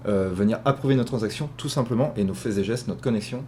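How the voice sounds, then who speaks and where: A man's voice: lowish voice, fast, warm tone, slight background noise. A man walking viewers through a screen-recorded tutorial, explaining step by step with frequent fillers, recorded indoors at a computer. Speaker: tutorial host.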